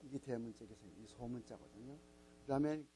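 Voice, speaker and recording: A Bible teacher at a missionary training school lectures a class, patiently spelling things out, coaxing and repetitive, repeating key words and spelling out letters. His medium-pitched voice is fast and warm, on a rough recording.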